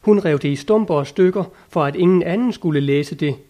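A man's voice: on the high side, warm tone, close to an everyday voice. A man reading a blunt, earthy squire. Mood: dry. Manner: blunt, matter-of-fact, folksy. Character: plain, earthy male squire. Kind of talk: audiobook character reading.

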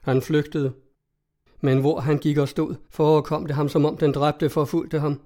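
A man reading a story aloud in an even, measured way. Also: a little high. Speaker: narrator. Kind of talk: audiobook narration.

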